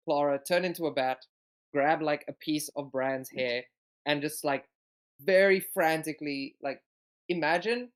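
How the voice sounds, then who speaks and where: A person in casual tabletop role-play talk who rambles through a scene description, stacking fillers and half-finished phrases. The voice sits at a middling pitch. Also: clear, resonant tone. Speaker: tabletop game player narrating a scene.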